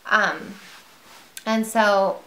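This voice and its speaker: A woman talks casually to her viewers in a bright, ringing voice. She rambles a little, with fillers and restarts, as she chats from home. The room gives her voice a noticeable echo. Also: medium pitch, level tone, very slow. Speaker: vlogger. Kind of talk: casual chat to camera. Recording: roomy echo.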